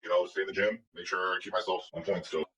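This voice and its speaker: A man's voice: sits low, flat delivery, quick pace, fairly bright tone, distant mic, dull audio. A man seeking advice in a casual conversation, hesitant and stammering.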